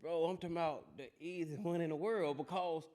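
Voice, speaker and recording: A man hosting a casual talk show, telling stories loudly and with animation, in heavy Southern slang. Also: fairly high pitch, fairly even intonation, brisk. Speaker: host.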